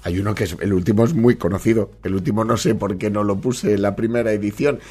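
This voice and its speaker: A man with a Spain accent hosting a comedy podcast, commenting on TV clips in a casual, animated way and laughing often. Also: lowish voice, fast talker, husky. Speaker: podcast host.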